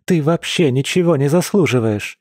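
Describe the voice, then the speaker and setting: A man voicing a stubborn, sarcastic young woman in an audiobook, with sharp retorts. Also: on the high side, lively intonation, moderate pace, dry recording, studio quality, pitched above the performer's own voice. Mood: upset, stubborn.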